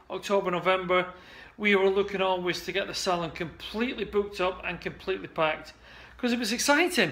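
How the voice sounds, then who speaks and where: An upbeat salon marketing coach makes a casual direct-to-camera pitch in his indoor studio office, his voice pushed and bright. He chats along with many "uh"s and restarts.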